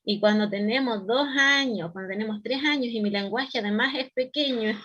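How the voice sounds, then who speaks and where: A woman with a Chilean accent gives a calm, explanatory church teaching on parenting and sometimes acts out a child's voice. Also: a little high, normal speed, slightly rough, lo-fi sound. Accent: Chilean Spanish.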